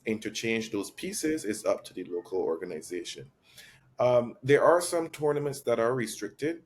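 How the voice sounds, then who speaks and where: A man from Barbados, a chess master guest, explaining things in a measured way with frequent ums and restarts. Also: medium pitch, lively intonation, breathy edge. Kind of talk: explanatory interview talk. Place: Barcelona.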